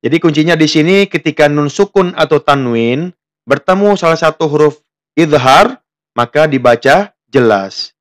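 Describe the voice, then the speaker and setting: A man's voice: on the high side, expressive. A man from Indonesia teaching a tajwid lesson, explaining rules plainly and tagging his sentences with a questioning "ya". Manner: plain explanations, then slow drawn-out chanted recitation of the example verses; often tags sentences with "ya". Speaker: Quran recitation teacher.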